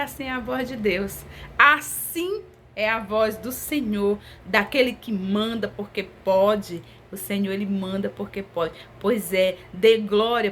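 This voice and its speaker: Woman preacher, fairly high voice, close conversational sermon, faint hiss behind. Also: bright, forceful tone. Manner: intimate, conversational preaching with drawn-out emphatic phrases.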